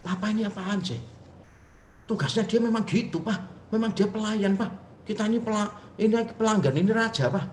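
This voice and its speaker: A man's voice: sits high, a little fast, a little hiss or hum, voice pushed up, close to an everyday voice. A man acting out his sulky, entitled teenage son, who protests in a whiny, indignant way. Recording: echoey room, faint ambience.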